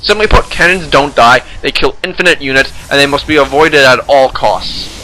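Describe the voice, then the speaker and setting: A man's voice: mid-range voice, moderate pace, pushed and bright, slight background noise, poor audio. Sarcastic man commentating a game replay. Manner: joking, sarcastic. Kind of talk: casual gameplay commentary.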